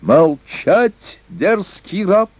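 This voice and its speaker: A man voicing an arrogant, cruel young male Hun prince who shouts threats in a harsh, shrill, high-pitched voice. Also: expressive, a little slow, no echo. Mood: shrill, furious. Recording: dull lo-fi recording.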